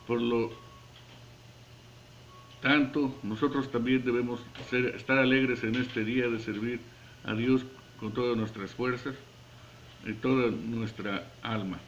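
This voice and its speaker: A man earnestly reading a devotional Bible commentary at a measured pace, with occasional stumbles, closing in prayer. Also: medium pitch, steady tone, dull audio, a little hiss or hum. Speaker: devotional preacher.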